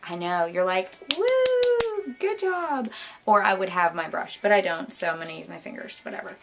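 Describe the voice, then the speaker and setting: Chatty hoarse woman. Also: fairly low pitch, fairly even intonation, quick pace, fairly bright tone. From Florida, US. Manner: chatty, rambling, bubbly with asides. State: hoarse, losing her voice. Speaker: beauty vlogger. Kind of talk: casual chat. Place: home, indoors. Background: light jazz music.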